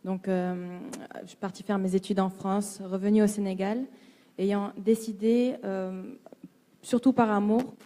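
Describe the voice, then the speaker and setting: A woman's voice: mid-range voice, fairly even intonation, measured pace, dark tone. A woman from Senegal introducing herself on a panel, friendly and a little hesitant. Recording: long hall reverb.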